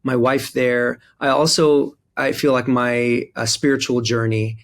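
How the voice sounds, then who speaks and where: A man in his forties from Israel/Palestine, a priest speaking thoughtfully in an interview with frequent pauses and fillers. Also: medium pitch, little pitch movement. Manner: thoughtful, hesitant with many fillers. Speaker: Episcopal priest, guest. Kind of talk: interview conversation.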